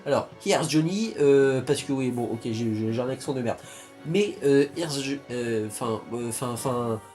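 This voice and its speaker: A young French YouTuber chats casually with his viewers in a mid-range, slightly mellow voice. His vlog talk rambles, full of fillers and restarts.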